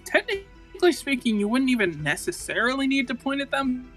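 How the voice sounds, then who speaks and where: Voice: high-pitched, big pitch swings, brisk, fairly bright tone, faint music behind. A player at a tabletop role-playing game who talks casually, swears freely and laughs while talking.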